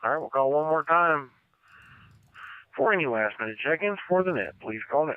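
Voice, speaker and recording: A man's voice: a little high, animated, normal speed, clean tone, no echo. American guy doing ham radio net control, casual, clean voice, dull lo-fi radio audio. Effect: two-way radio transmission. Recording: band-limited, dry amateur radio audio.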